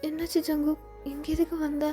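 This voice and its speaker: A woman doing a shy, sensitive teen boy, soft and hesitant. The voice is high and quiet, with a mellow tone. Faint music sits behind this fan fiction voice-over. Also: fairly even intonation, a little slow.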